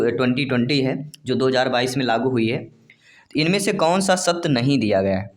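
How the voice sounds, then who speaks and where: A man teaching an exam-prep lesson, reading each question aloud and then explaining it to viewers he calls his dear friends. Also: medium pitch.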